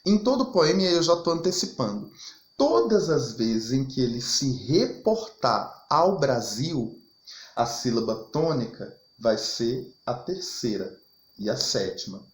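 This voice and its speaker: A male teacher walks students through a poem's rhythm and rhyme. He keeps posing questions and answering them emphatically, his voice bouncing through a wide, animated range. The sound is roomy and echoey. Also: mid-range voice, measured pace. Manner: explanatory, rhetorical questions, emphatic. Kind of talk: recorded literature lesson over slides. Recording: echoey room.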